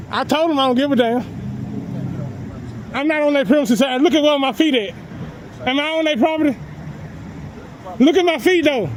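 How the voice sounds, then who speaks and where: A man's voice: very high-pitched, a little hiss or hum, rough recording. A man filming police on a public sidewalk, taunting and mocking them in confrontational street talk, laughing often, picked up by the handheld camera he films with.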